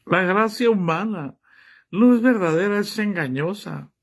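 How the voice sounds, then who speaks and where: In his sermon, a man reads passages of scripture aloud and remarks on them, challenging the congregation with rhetorical questions. He speaks a little slowly in a high-pitched, expressive voice.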